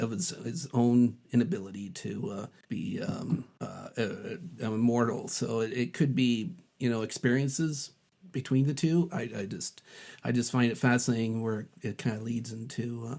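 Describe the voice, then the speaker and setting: A man appearing as a podcast guest, speaking hesitantly with many fillers and pauses. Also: medium pitch, fairly even intonation, vocal fry, a little mellow. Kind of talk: casual chat.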